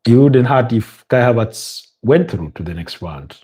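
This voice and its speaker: Here the watch-along host, a man from Uganda, talks through the match at a slightly slow pace with a mid-range voice and Ugandan English accent. The tone stays laid-back and conversational, peppered with frequent ums and uhs.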